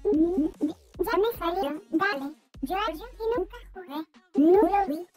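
A woman's voice: very high voice, takes it slowly, voice pushed up. A woman voicing a cute anime girl streamer, chatting casually on a livestream. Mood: playful.

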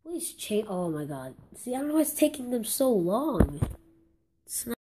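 A woman's voice: on the high side, big pitch swings, normal speed, background noise. A young woman giving casual commentary over a mobile game, exclaiming in frustration and rambling with many restarts. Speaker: gaming channel host.

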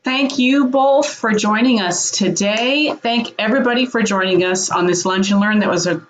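A woman's voice: medium pitch, moderate pace, low-quality recording. A woman hosting a webinar, thanking the presenters with small stumbles over a video call. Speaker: webinar host. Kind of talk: closing remarks.

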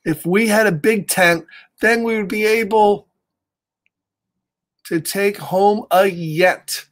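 A middle-aged American man hosts a children's story time from a small home office, reading a picture book aloud with chatty asides. His delivery is animated and exaggerated, high-pitched and slow.

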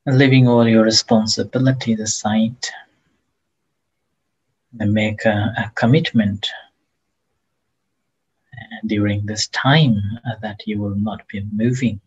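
With long silences between phrases, a man gently and haltingly leads a guided meditation as its teacher. His breathy, husky voice has a fairly low pitch and fairly even intonation, and the recording is muffled.

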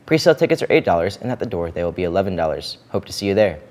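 A man's voice: sits low, sing-song, rapid-fire, darkish tone. A teenage boy anchoring a school morning show, reading announcements. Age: teens. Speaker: student news anchor. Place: school studio, indoors.

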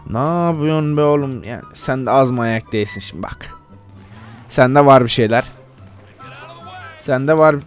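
A man's voice: mid-range voice, moderate pace, long pauses, clear, resonant tone. Man, gameplay host, joking and teasing, talks to viewers, faint music underneath. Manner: playful and joking, addressing viewers as "gençler". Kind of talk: casual gameplay commentary.

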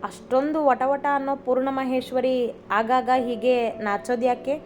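A woman's voice: high voice, flat delivery, unhurried, darkish tone. A woman voicing a young husband who fakes anger to tease his wife, then turns affectionate. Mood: tender teasing. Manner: mock-stern then affectionate teasing. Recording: slightly dull recording, faint music.

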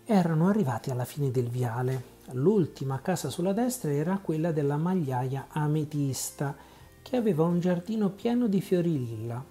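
A man reading a children's storybook aloud in a calm, measured narration. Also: a little high. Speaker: audiobook reader.

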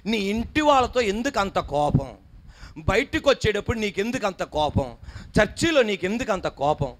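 A man's voice: high-pitched, big pitch swings, moderate pace. A man preaching a sermon to a church congregation, emphatic, firing questions and coaxing the listeners to respond. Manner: coaxes the congregation to repeat and smile. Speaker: pastor. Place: church hall before a congregation.

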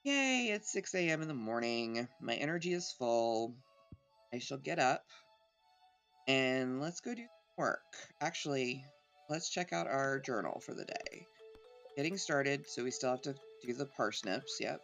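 A woman's voice: very deep voice, lively intonation, unhurried, fairly bright tone, faint music behind. A middle-aged woman giving casual let's play commentary, thinking aloud as she plays.

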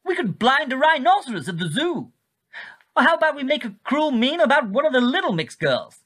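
A ghoulish clipped 1940s newsreader. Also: female voice, high-pitched, sing-song, brisk, a bit bright. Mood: frantic. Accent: clipped 1940s English newsreader accent. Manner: clipped, goading, mock-cheerful cruelty. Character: sinister disembodied 1940s newsreader voice, goading and menacing. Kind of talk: comedy sketch acting.

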